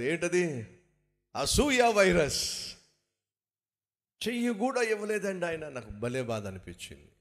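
A man preaching a sermon, firing rhetorical questions and acting out the words of biblical figures. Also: fairly high pitch. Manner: animated, rhetorical questions, acts out biblical speakers. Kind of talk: Telugu sermon.

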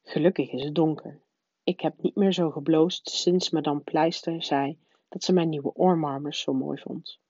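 Calm old wizard guy, as a woman reading does him, mellow, even-keeled, dry dull audio. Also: sits low, slightly rough, no echo. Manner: calm, mild and measured. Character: old male headmaster wizard, calm and gentle.

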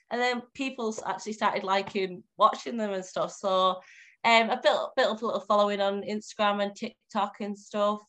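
A woman in her twenties speaks with a northern English, Cumbrian accent. Her voice sits at an average pitch. She talks in an informal, chatty way, as a guest in a casual interview. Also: a bit bright. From Cumbria, northwest England. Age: 20s. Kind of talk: casual chat.

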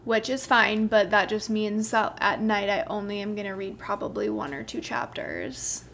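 A woman's voice: medium pitch, normal speed, a bit bright, a little hiss or hum. Chatty woman podcast co-host. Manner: chatty, lots of fillers. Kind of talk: casual chat about books.

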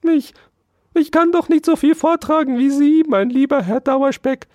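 A storyteller voicing a poor, self-pitying female field mouse who pleads and wails in a very high, strained voice. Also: moderate pace, darkish tone, no echo, clean studio sound, close to an everyday voice. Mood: wailing.

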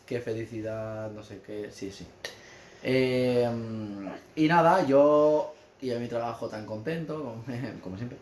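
A man from Spain telling an animated, exaggerated story in casual chat, ranting and swearing. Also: medium pitch, unhurried. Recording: echoey room with faint background noise.

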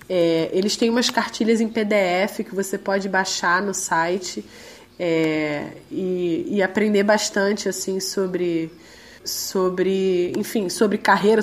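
A woman with a Brazilian accent talks conversationally as an interview guest. Her medium-pitched voice is hoarse and a little duck-like while she recovers from laryngitis. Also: takes it slowly. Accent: Brazilian Portuguese. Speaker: interviewee, independent musician.

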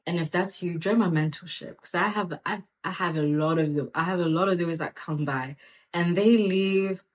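Woman mentor chatting about faith, kinda low voice, earnest, lots of "like". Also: moderate pace, rough recording. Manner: earnest and animated, full of "like" and "come on". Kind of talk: casual faith talk with personal story.

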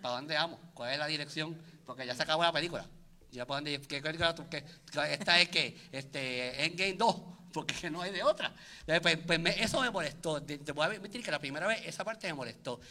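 Male co-host, bright tone, lively storyteller with many restarts. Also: a little high, fast. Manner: animated, acts out his own reactions, many restarts. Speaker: podcast co-host. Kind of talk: casual chat.

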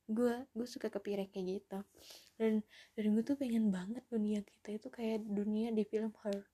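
A woman hosts a casual solo podcast, rambling and self-deprecating, in a soft-edged voice. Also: medium pitch. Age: 20s. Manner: rambling, self-deprecating, often chuckling to herself. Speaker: podcast host.

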